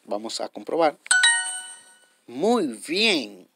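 Slow, patient man teaching an app. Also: a little high, sing-song, noisy background. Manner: patient, repeats and checks with viewers. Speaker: tutorial host. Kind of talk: step-by-step app tutorial.

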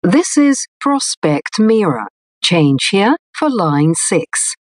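A woman reading formal, scripted subway announcements in clearly separated phrases. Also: mid-range voice, very animated, drawn-out words, no room sound, studio quality.

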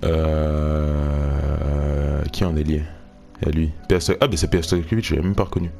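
Deep-voiced man commenting on gameplay. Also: normal speed, faint music behind. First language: French. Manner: chatty, thinks aloud, excited chanting during pack openings. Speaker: gaming YouTuber.

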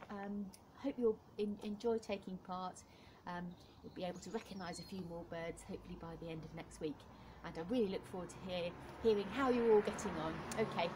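A woman, a primary school teacher, talking gently and encouragingly to children in a home-recorded lesson from her kitchen. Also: fairly low pitch, background noise. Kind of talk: home-learning video lesson.

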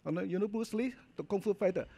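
A man's voice: high-pitched, quick pace, gravelly, dark tone. A middle-aged man with a Hong Kong Cantonese accent giving an informal conference talk as a doctor, emphatic, in short choppy phrases ending in little check-in tags. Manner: choppy short phrases with frequent "okay?" and "you know" tags. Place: hotel function hall, at a podium.

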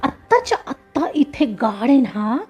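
A woman's voice: a little high, big pitch swings, unhurried, darkish tone, husky, soft background music, exaggerated voice. A woman voicing an arrogant young man who bullies and threatens a rival in a storybook reading, taunting and swaggering.

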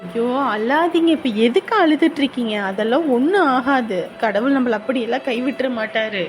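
A caring daughter-in-law gently reassures her worried husband in a comic sketch, played by a woman. Her voice sits a little high and stays calm and comforting. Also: moderate pace, music in the background, close to an everyday voice, poor audio. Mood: reassuring.

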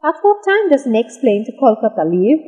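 A woman reading the lines of a scripted English lesson dialogue, slowly and with careful enunciation. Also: fairly high pitch, very animated, in a large hall, highs cut off. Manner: slow, careful, clearly enunciated delivery.

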